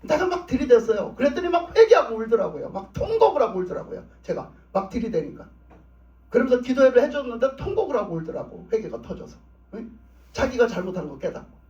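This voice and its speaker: A man's voice: very high-pitched, very animated, quick pace, a little mellow. A male pastor preaching a sermon in an emphatic, repetitive style to his congregation. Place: church sanctuary. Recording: roomy, distant, dull church recording.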